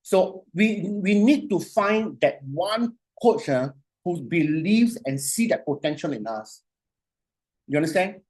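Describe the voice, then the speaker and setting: A man lecturing a class on coaching in an animated, repetitive way. He keeps checking in with the students and slows right down when he dictates a phrase. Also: sits high, slightly rough. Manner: animated, repetitive, asks "you see?" often.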